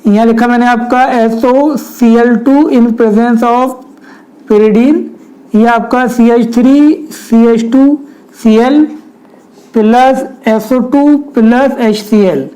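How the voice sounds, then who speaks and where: A man's voice: very high-pitched, steady tone, drawn-out words, mellow, rough recording. A young man, giving a chemistry lecture at a whiteboard, often asking rhetorical questions and speaking directly to his students. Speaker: chemistry teacher.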